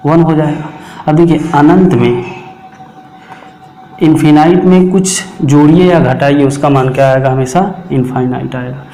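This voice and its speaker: A man teaching mathematics in a classroom lecture, often asking a question and answering it himself, and slowing down to dictate formulas. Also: fairly high pitch, mellow. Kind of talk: classroom lecture explaining problems. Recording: echoey room.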